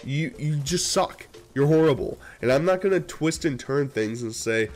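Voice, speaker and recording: A man's voice: on the high side, expressive, normal speed. A man giving a blunt, scathing commentary rant in a casual way, talking into a home streaming mic.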